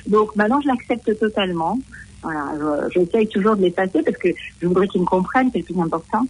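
A woman's voice: medium pitch, quick pace, darkish tone, husky, low-quality recording. A middle-aged woman from France, living abroad, talking casually with many fillers and restarts. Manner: chatty, hesitant, frequent fillers and restarts. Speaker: French woman living in New Zealand. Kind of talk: casual conversation.

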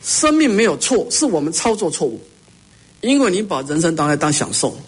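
High-pitched husky man giving a dharma talk. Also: big pitch swings, a little fast. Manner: earnest, rhetorical questions, repeats words when emphasizing. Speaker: Buddhist teacher. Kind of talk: dharma lecture.

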